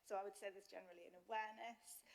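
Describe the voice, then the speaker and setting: A woman council officer giving a measured, businesslike briefing to a committee meeting. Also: mid-range voice, steady tone, vocal fry. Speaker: council officer presenting a report.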